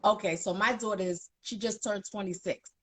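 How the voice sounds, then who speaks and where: A sassy, emphatic woman in her forties with a Brooklyn accent talks as a guest in a casual interview. Her voice is husky and a little breathy. The sound is dry and close. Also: mid-range voice, fairly even intonation, moderate pace, fairly bright tone, no echo. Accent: Brooklyn New York. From Bed-Stuy, Brooklyn, USA. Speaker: guest, plus-size model.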